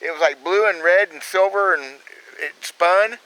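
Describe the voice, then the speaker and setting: A man's voice: high voice, normal speed, bright, forceful tone, poor audio. A man with a Southern US accent hosting a trapping channel, giving plain-spoken, folksy how-to advice outdoors in the cold countryside. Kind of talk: casual outdoor how-to talk.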